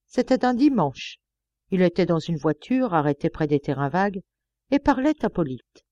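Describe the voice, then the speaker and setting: A woman's voice: lowish voice, very animated, moderate pace, dark tone, dry recording, highs cut off. A woman voicing a proud, distraught young working-class mother in an audiobook, with pleading, tearful outbursts. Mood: earnest. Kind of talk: audiobook character reading.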